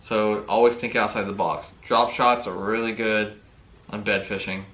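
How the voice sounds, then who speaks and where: A man's voice: lowish voice, steady tone, normal speed, fairly bright tone, echoey room, muffled recording. Chatty man unboxing fishing tackle. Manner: enthusiastic, repeats "really, really". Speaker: fishing channel host.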